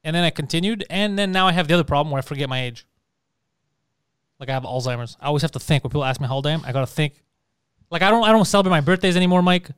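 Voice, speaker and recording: A man in his thirties, chatting casually on a podcast, profane and animated. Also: fairly high pitch, rapid-fire, clear, resonant tone, no echo, clean studio sound. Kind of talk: casual chat.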